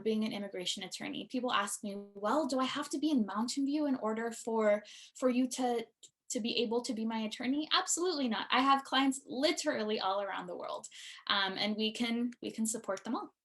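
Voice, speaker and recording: A woman's voice: on the high side, fairly quick, a bit bright. Friendly woman attorney, many "um" fillers. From born in Iraq, raised in the United States. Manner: frequent "um" fillers, earnest and friendly. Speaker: immigration attorney presenting a webinar. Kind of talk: webinar presentation.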